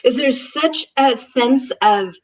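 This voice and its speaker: A woman's voice: high voice, slow pace, poor audio. A woman born in Israel and raised in the United States, co-hosting a casual online conversation with emphatic enthusiasm. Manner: emphatic, enthusiastic, hesitant fillers. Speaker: co-host.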